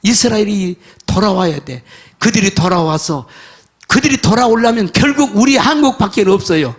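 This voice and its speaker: An older man, a pastor, preaching a sermon in a folksy storytelling way, dropping to soft mutters and rising to shouts. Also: high voice, animated, normal speed.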